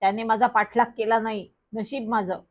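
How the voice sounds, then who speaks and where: A woman reads a children's story aloud in a lively first-person telling. Her voice sits slightly high. The recording sounds dull and lo-fi. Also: a little fast.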